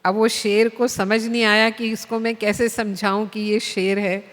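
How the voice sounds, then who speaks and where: A woman spiritual teacher telling a story in a class, in an unhurried storytelling manner. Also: medium pitch, little pitch movement. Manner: unhurried storytelling, voices the animals. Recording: long hall reverb.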